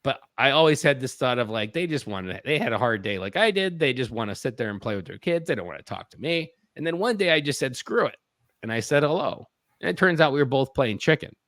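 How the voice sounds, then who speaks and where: This thirtysomething podcast guest has a mid-range, somewhat bright voice with big pitch swings and a fairly quick pace. Earnest and reflective, he recounts personal stories and dramatizes his inner thoughts in quotes, on a dry, studio-quality recording.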